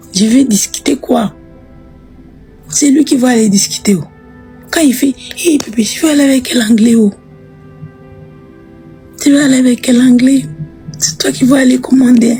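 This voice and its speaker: A woman's voice: on the high side, dark tone. A woman with a Congolese French accent chatting playfully to followers on a live stream, teasing and repeating words. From Democratic Republic of the Congo. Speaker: livestream host. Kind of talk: casual live chat with followers.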